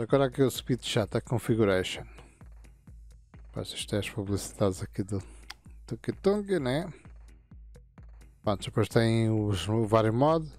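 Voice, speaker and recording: A gaming channel host in his fifties casually walks viewers through settings in a screen-recorded tutorial. His medium-pitched voice is a little mellow, and his explanations meander and halt with frequent restarts.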